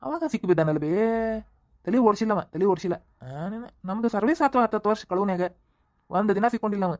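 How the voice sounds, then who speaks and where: A woman's voice: medium pitch, expressive, quick pace, darkish tone, lightly acted. Brief: a woman playing a cocky young cartoon thief son, brash and swaggering. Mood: puzzled. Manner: cocky, calls his mother "bē". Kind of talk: cartoon voice acting.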